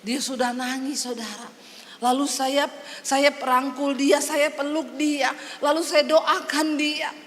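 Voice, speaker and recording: A woman pastor preaching at an unhurried pace in a high voice, telling stories and acting out conversations with playful jokes. Her voice carries a long hall reverb over faint background noise. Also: steady tone, fairly bright tone. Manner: storytelling, joking, acting out dialogue. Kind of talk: sermon.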